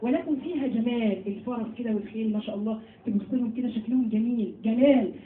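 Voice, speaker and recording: High fast-talking Egyptian woman teaching. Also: slight background noise. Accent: Egyptian Arabic. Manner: lively teaching with questions to listeners and slow recited verses. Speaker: religious teacher. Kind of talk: Quran lesson for women. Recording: tinny phone-like sound, echoey and far off.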